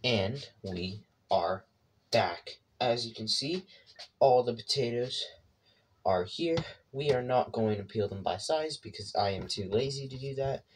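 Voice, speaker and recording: A man's voice: mid-range voice, measured pace. A man hosting a casual cooking vlog, talking through his steps with joking, self-mocking asides. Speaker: cooking vlogger. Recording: loud background noise.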